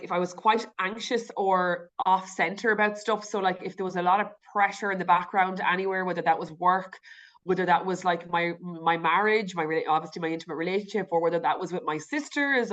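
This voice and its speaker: An Irish-accented woman appears as a podcast guest in a candid conversational interview, reflecting openly with frequent restarts and fillers. Her voice is fairly low, a little fast and a bit bright, though the audio sounds dull.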